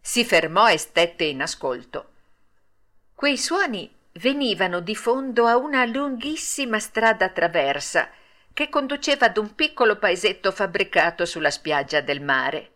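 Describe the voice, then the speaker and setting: Expressive woman reading a storybook. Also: medium pitch, a little slow. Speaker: audiobook narrator. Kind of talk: storybook narration.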